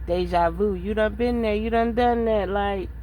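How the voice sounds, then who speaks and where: A woman's voice: mid-range voice, normal speed, mellow, slight background noise, rough recording. A woman in her thirties talking bluntly and profanely in a rambling casual vlog monologue. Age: 30s. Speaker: vlogger.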